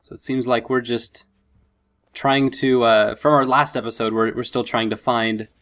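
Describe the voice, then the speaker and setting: A man's voice: mid-range voice, level tone, normal speed, a bit bright. A man hosting a let's play with casual commentary, thinking aloud and easily impressed. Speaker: gaming video host.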